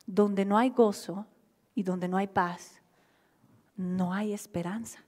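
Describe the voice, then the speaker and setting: Female Bolivian preacher, slow husky delivery, whispers to shouts, long hall reverb. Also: medium pitch, steady tone. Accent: Bolivian Spanish. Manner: swings from near-whispers to loud cries. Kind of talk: sermon. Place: church hall.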